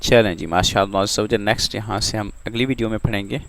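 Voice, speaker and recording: A man with an Urdu accent teaching Quran pronunciation, drawing out syllables slowly and checking in with "theek hai" between them. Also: on the low side, fairly even intonation, a bit bright. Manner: drawn-out syllable demonstrations, repeats "ठीक है" often. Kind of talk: slow, patient tajweed lesson.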